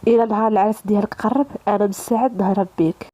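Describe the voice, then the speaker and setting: A woman's voice: medium pitch, steady tone, very fast, warm tone, close to an everyday voice, low-quality recording. A woman voicing a devoted young man, a secret lover, with a Moroccan accent. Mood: earnest.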